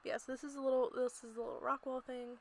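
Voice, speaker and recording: Her voice is high and darkish, delivered flat and fast, in a chatty, giggly, rambling voiceover for a gameplay video. She's an amateur creator working from a small closet at home, where noticeable background noise creeps into the recording.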